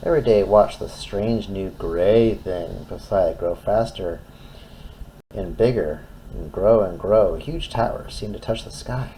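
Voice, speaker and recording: A man's voice: on the low side, a little slow, warm tone, a little hiss or hum, poor audio. A man reading a children's story aloud expressively, in simple phrases as if to a toddler. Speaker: storytime reader.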